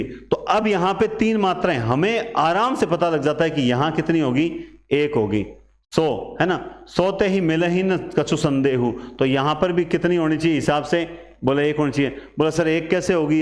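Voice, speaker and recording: Male teacher walking thru examples, asks himself questions, slightly high voice, roomy echo. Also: moderate pace. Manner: explains step by step, asks and answers own questions. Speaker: Hindi teacher. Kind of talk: classroom lecture. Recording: echoey room.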